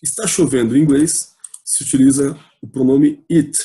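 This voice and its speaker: A man's voice: medium pitch, normal speed, dark tone. A man with a Brazilian Portuguese accent teaching an English grammar video lesson, patient and repetitive, spelling out letters as he explains.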